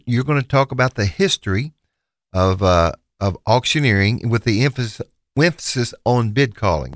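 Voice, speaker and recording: Um homem com sotaque do sul dos Estados Unidos, apresentador e leiloeiro, falando num bate-papo de rádio cheio de hesitações e recomeços. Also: male voice, fairly low pitch, a bit bright, no echo, studio quality. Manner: rambling, many restarts and fillers. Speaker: auctioneer and radio host. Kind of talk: casual radio talk.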